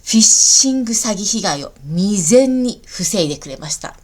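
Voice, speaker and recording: A woman hosting a podcast lesson and explaining things patiently and warmly to learners. She is from the Kansai region. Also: medium pitch, animated, normal speed. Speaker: Japanese teacher and podcast host. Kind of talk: podcast lesson monologue in easy Japanese.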